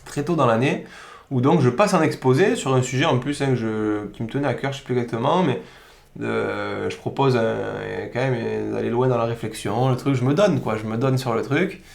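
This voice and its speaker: A man from Provence with a Provençal accent, a podcast guest telling stories in an animated, informal, slangy way. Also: mid-range voice, fairly quick, vocal fry. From Provence, southern France. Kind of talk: casual podcast conversation. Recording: roomy echo.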